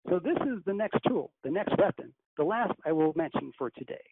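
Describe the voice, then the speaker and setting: A man leading a guided breathing meditation as a channeler on a group call, speaking in a measured, commanding, instructive way. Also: high-pitched, expressive, creaky. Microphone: conference call phone. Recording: tinny phone line with faint hiss.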